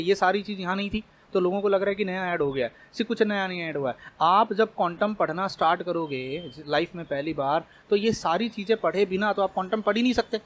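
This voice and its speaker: A man teaching chemistry in an exam-prep lecture, explaining casually and speaking straight to his students. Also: high voice. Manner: explanatory, conversational, addresses students directly.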